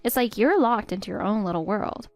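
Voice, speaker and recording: A woman voicing a patient, hurt middle-aged stepmother who pleads gently with her stepdaughter. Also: medium pitch, animated, a little fast, dry recording, soft background music, close to an everyday voice. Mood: pleading. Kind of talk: text-story voice acting.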